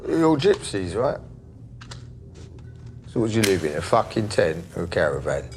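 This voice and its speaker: An actor playing a volatile gangster who swings from loud, jovial bluster to menacing whispers, his voice gravelly. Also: deep voice, big pitch swings, moderate pace, slight background noise. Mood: mocking. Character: volatile London gangster, bakery-distillery boss, middle-aged man.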